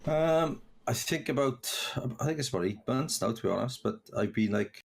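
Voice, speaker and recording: A man's voice: mid-range voice, lively intonation, moderate pace, vocal fry, husky. A man with a South Wales accent from around Swansea, chatting casually as a guest streamer on a podcast. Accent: South Wales, Swansea area. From Neath, South Wales. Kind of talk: casual chat.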